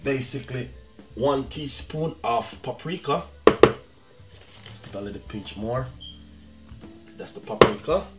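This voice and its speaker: A man's voice: mid-range voice, expressive, slow, long pauses, loud music behind the voice. A middle-aged man from Jamaica with a Jamaican accent, chatting casually as he demonstrates a recipe on his cooking channel and often calling out to his viewers. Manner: chatty, repeats "guys" and "you know what I mean".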